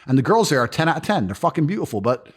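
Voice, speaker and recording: Fast-talking animated man in interview. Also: on the high side, slightly rough. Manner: fast, animated, profane storytelling. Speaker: guest. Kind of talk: casual interview storytelling.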